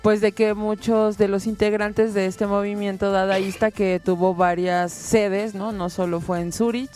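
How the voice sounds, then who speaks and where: Female radio host, middle pitch, rambling explainer with fillers. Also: little pitch movement, measured pace, a little mellow, soft background music. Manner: explains at length with many fillers. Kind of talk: poetry reading and radio chat.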